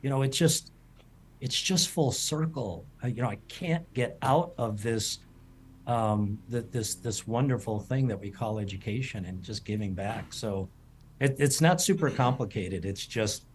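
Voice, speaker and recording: A man's voice: mid-range voice, unhurried, a little hiss or hum. A man in his fifties, a culinary school president, telling stories in an interview with many restarts and fillers. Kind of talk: storytelling interview answers.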